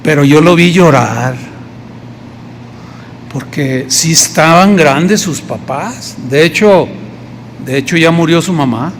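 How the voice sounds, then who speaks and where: A man's voice: fairly high pitch, slow pace, long pauses. A man with a Mexican accent preaching a conversational sermon as pastor, acting out the people he quotes. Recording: long hall reverb, faint noise.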